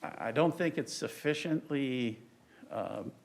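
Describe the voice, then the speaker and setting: Slow, halting older man arguing in court. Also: medium pitch, expressive, vocal fry. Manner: halting, deliberate, with stretched pauses. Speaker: attorney arguing on appeal. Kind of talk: oral argument in court. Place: large courtroom. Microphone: lectern microphone, speaking through a face mask.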